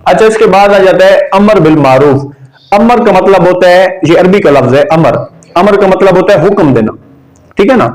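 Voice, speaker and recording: A man's voice: high-pitched, expressive, a little mellow, poor audio. Patient male teacher checking the class understands. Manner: patient, repeats key terms slowly. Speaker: religious studies teacher. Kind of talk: classroom lesson. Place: room with students present.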